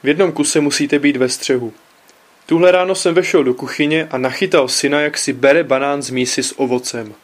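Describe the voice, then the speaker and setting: A man with a fairly high voice reads a humorous column aloud. His delivery is dry and wry, and he tells the story at an even pace. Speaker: narrator, reader.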